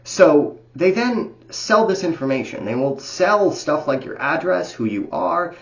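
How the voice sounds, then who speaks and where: A man's voice: fairly high pitch, big pitch swings, a little slow, creaky, dull audio. A man talking casually and unscripted about data privacy, rambling with lots of fillers and the odd swear word.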